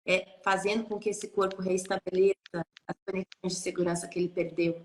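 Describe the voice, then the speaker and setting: A woman's voice: fairly low pitch, level tone, brisk, reverberant. A woman hosting a live online interview, asking reflective questions and thinking aloud about the topic. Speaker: host. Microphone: video call.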